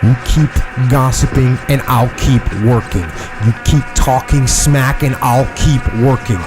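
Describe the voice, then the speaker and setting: A man of middling pitch delivers a scripted motivational monologue at a slow pace. He is deliberate and challenging, repeating phrases over clearly audible music. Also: fairly even intonation. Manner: deliberate, repetitive, challenging the listener.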